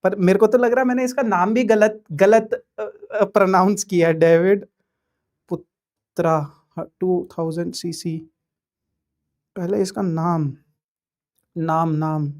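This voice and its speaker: A man's voice: high voice, darkish tone. A man teaching a live online class, chatting and joking as he reads viewer messages aloud. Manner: hesitant fillers.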